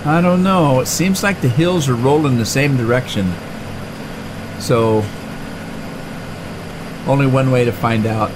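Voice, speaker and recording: A middle-aged man of medium pitch rambles through casual let's-play commentary for his gaming channel, unhurried and leaving long pauses. He chats with frequent "uh"s and restarts as tractor and engine sounds from the game play clearly in the background.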